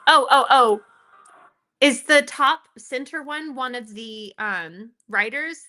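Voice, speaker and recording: Slow and sharp in a high voice, a woman chats and laughs with viewers on a casual live stream while reacting to videos and sorting out her audio. She's at home, recorded on her laptop's built-in microphone.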